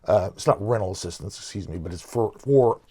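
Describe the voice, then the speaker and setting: A man's voice: lowish voice, fairly quick, dark tone, breathy edge. A middle-aged man co-hosting a local news podcast, talking casually with many restarts and fillers. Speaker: podcast co-host.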